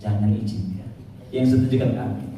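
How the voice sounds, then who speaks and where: A man preaching a sermon with storytelling, animated, jumping high and dropping low as he tells it, now and then singing a line. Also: a little fast, crowd noise. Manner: animated, voice leaps high for quoted speech and drops low, breaks into short sung lines. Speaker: pastor. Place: church hall. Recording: very echoey hall, voice from far off, faint room noise.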